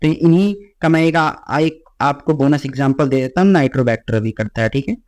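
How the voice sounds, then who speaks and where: A man teaching a biology exam-prep lecture. He mixes Hindi with English lines he reads slowly and keeps checking in with "theek hai.". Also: mid-range voice, a little mellow. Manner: repeats "ठीक है" as a check-in with students.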